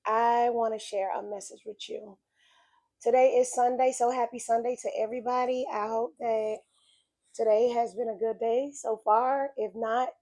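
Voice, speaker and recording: A woman with a slightly high, darkish voice, a little raspy from illness, shares an earnest, preachy faith message. It's a casual spoken reflection, conversational but driven by emphatic repetition.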